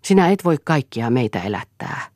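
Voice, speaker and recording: A woman's voice: rumbling low, very animated, a little mellow, no echo, clean studio sound, full character voice. A woman playing a tense, firm wife. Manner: firm, restrained, pleading. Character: tense, controlled, reproachful wife. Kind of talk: audiobook character voice.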